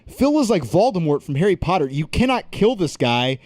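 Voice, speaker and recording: A man's voice: high voice, very animated, fairly quick, darkish tone, no echo. A young man co-hosting a comedy podcast, bantering with mock outrage. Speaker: podcast co-host.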